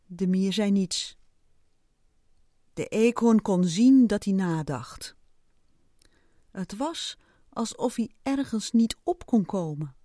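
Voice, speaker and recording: Woman storyteller, slow and expressive, lively higher voice, dry close mic. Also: dry recording. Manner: expressive, unhurried reading. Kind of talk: storybook narration.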